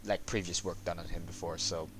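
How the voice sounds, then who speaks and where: A man hosting a casual chat about developing a game, talking in a monotone with lots of halting fillers. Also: low-pitched, slight background noise.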